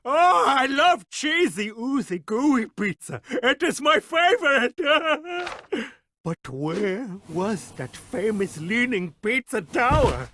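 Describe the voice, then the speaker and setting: Pompous, party-mad lemur king for animated game; very high, drawn-out, swooping delivery. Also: a little hiss or hum, exaggerated voice. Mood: craving, excited. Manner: theatrical, pompous, childishly gleeful. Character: vain, excitable, party-loving lemur king. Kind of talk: animated video game cutscene acting.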